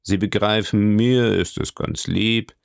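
A man's voice: on the low side, fairly even intonation, takes it slowly, creaky, clean tone, no echo. Man doing a timid old major, nervous and eager, hesitant questions, dry close sound. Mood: uneasy, wondering.

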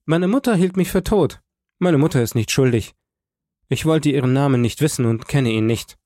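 A man voicing a bold, defiant young male defendant in an audiobook, quick and taunting. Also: medium pitch, warm tone, no room sound, studio quality, voice pushed up, lightly acted.

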